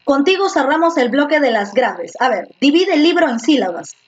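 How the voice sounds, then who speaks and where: A woman's voice: sits high, big pitch swings, normal speed. A woman teacher giving an online class, patiently repeating words and quizzing her students, heard through a computer microphone. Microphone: computer microphone in a video class. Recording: slightly muffled lo-fi audio.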